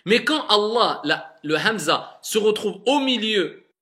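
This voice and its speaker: A man teaching Arabic reading in a classroom, patiently modeling pronunciation by slowly drawing out words and encouraging students. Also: sits high, expressive, bright, forceful tone.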